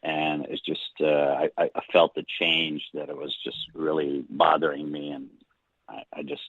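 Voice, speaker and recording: A middle-aged man from Hungary with a Hungarian accent, telling his story as a guest in a relaxed interview, halting with many restarts. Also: rumbling low, no room sound. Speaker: guest screenwriter. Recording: dry tinny phone-like line.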